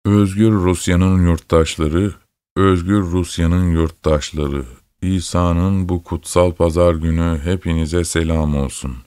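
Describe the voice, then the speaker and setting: A man's voice: low voice, moderate pace, darkish tone, clear, resonant tone, no room sound, natural voice. A man voicing a grumbling old bearded male synagogue caretaker in a storybook reading, with a sleepy, drawling, sing-song delivery. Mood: chanting.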